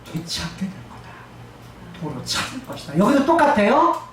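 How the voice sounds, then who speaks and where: A woman's voice: medium pitch, big pitch swings. A woman pastor preaching a sermon, drawing out emphatic phrases and calling for answers from the congregation. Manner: call-and-response with congregation, drawn-out emphatic phrases. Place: church sanctuary. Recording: very echoey church hall, distant mic, faint room noise.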